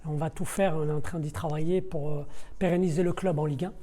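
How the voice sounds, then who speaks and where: Quick and warm, this slightly high male voice keeps a fairly even intonation. The middle-aged speaker, deputy sporting director of a football club and not a native French speaker, explains his work spontaneously for a podcast, searching for words and saying them twice.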